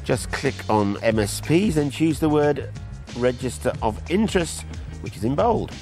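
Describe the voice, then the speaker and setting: A man's voice: medium pitch, animated, moderate pace, a little mellow, soft background music. Wry middle-aged male TV presenter. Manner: wry, jokey asides. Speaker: documentary presenter. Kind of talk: presenting a TV documentary. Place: outdoors by a brick building, sitting with a laptop.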